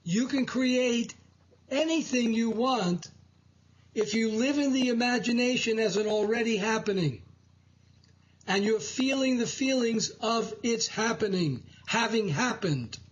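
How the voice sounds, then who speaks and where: Slow, husky-voiced man hosting a spiritual show. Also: very high voice. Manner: measured, preaching delivery. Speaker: host. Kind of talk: spiritual talk show monologue. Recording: dull lo-fi audio.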